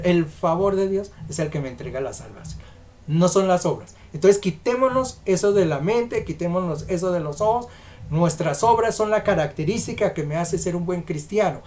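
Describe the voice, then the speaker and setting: A man's voice: a little high, a little mellow, a little hiss or hum. A man preaching a sermon, emphatic and questioning, putting rhetorical questions to the congregation.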